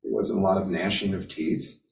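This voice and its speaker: Man, low pitch, dark mellow tone, thoughtful group sharing, echoey room, faint rumble. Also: fairly even intonation, gravelly. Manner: slow, thoughtful, hesitant with fillers. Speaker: sangha member sharing a reflection. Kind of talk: reflective group discussion. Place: Zen center meditation hall. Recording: echoey hall, distant mic, faint rumble.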